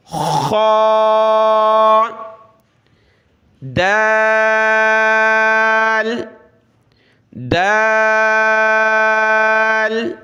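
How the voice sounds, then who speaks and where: A man teaching Quran letter pronunciation step by step in Urdu, explaining mouth positions and slowly drawing out each letter. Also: high-pitched, bright, forceful tone, clean tone.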